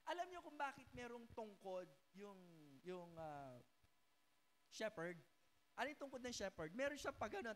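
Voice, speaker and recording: A woman pastor with a Filipino accent preaching a sermon in church. She reads scripture slowly and keeps asking the congregation rhetorical questions. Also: high-pitched.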